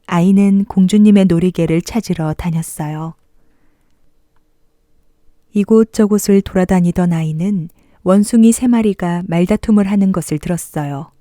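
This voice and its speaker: A woman reads a bedtime fairy tale as if to a toddler. Her voice is very dark and soft-edged, with gentle, expressive storytelling, recorded dry and close. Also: lowish voice, moderate pace, dry recording. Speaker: storybook narrator. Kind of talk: bedtime fairy tale narration for young children.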